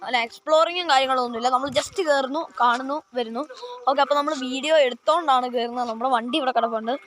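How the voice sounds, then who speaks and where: A woman's voice: high voice, fast talker. A woman with a Kerala accent chatting casually as a travel vlog host, mixing English words into her Malayalam. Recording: loud guitar music over voice.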